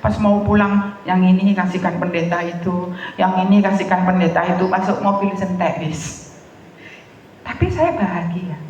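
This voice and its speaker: A woman's voice: normal speed, highs cut off, a little hiss or hum. A middle-aged woman preacher, telling stories in her sermon and acting out both sides of conversations in a raised voice. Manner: animated, acts out dialogue with raised pitch, laughs often. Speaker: evangelist preacher. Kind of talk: sermon with storytelling. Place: church hall. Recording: echoey church hall, reverberant.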